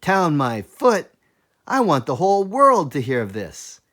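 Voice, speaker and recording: A man's voice: medium pitch, very animated, unhurried. A man voicing an eager, boastful little tailor in a storybook, exclaiming with self-importance. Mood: boastful, excited.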